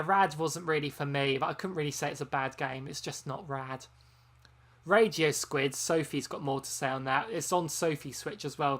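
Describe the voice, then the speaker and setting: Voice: medium pitch, fairly bright tone. A host chatting casually on a long live stream, rambling with frequent ums and self-corrections, sounding tired from hours of talking. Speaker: game channel host.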